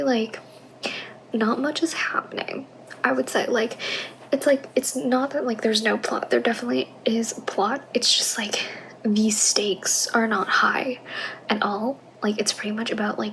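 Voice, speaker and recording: A woman's voice: a little high, vocal fry, a bit bright, slight background noise, rough recording. A young woman vlogging late at night from her home office, whispering so she doesn't wake anyone, with lots of casual fillers.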